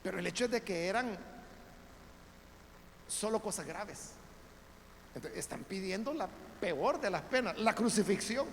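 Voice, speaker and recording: A high-voiced male pastor from El Salvador gives a Bible study sermon in church, animated but measured, pausing often. He preaches conversationally, calls listeners brothers, uses frequent tag questions, and builds to loud, emphatic peaks. The reverberant church hall carries faint background noise.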